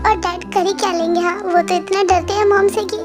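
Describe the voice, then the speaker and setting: Girl playing a bossy hot-headed big bro, mocking and threatening, really high voice, music faint. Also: steady tone, a little slow. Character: bossy older brother, hot-tempered and smug. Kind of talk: fan-dub voice acting.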